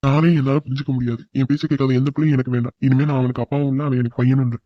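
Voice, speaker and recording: Man voicing a strict cartoon father, rapid scolding delivery, dry muffled sound. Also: medium pitch, little pitch movement, no echo, natural voice. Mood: stern. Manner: commanding, scolding. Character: stern authoritarian father, quick to anger.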